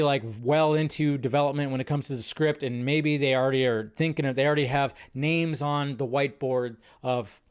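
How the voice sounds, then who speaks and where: A man with a smooth, rather high voice hosts a casual solo movie news show. He rambles, laughs often, and lets his sentences trail off.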